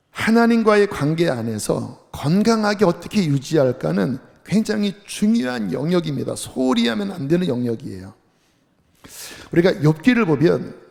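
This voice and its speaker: A male pastor delivers an impassioned sermon. His voice sits high and carries a gravelly edge. The church sanctuary lends it a long, lingering reverb. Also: a little mellow. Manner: impassioned, voicing anguished outbursts.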